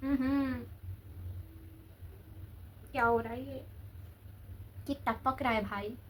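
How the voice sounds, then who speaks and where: A woman's voice: high voice, steady tone, slow. A teenage girl vlogging casually, telling a long school story in a chatty way while applying a face pack.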